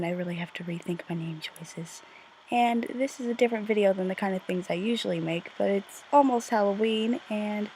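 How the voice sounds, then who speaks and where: A woman narrating a casual, self-deprecating video in a deadpan, slightly bored way, stumbling over words as she speaks from under a blanket. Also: mid-range voice, rough recording. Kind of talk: casual scripted commentary, childhood reminiscence. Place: under a blanket in a bedroom corner. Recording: amateur under-blanket bedroom recording, faint noise.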